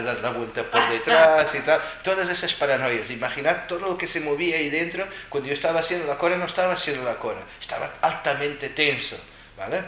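Animated male Buddhist teacher, bright voice. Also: on the high side, a little hiss or hum. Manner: animated storyteller who keeps checking in with listeners. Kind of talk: dharma talk. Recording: roomy echo.

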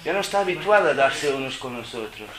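A man giving a live spiritual talk to an audience, animated and joking, with lots of rhetorical questions. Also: mid-range voice, fast talker, a crowd in the background. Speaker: spiritual speaker. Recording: roomy hall with ambient noise.

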